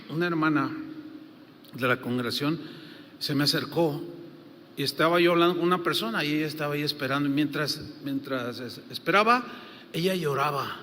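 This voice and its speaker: A man's voice: on the high side, moderate pace, long pauses, sharp tone. Man preaching in an echoing hall. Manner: conversational, acts out quoted dialogue. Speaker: pastor. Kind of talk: sermon with storytelling. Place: church hall. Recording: reverberant hall with faint noise.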